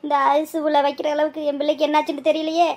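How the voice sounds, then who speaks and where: A woman plays a fiery old village mother-in-law in a cartoon, scolding and wailing in a Madurai Tamil accent. The voice sits very high and shrill for an older woman. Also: completely flat delivery, fast talker, darkish tone, lightly acted. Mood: lamenting. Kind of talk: cartoon voice acting.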